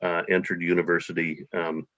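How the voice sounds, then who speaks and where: An American man, a guest in a casual interview, speaks in a low voice with a totally flat delivery at ordinary speed, his tone bright and forceful. He talks hesitantly, full of fillers and restarts. The audio is dull and lo-fi.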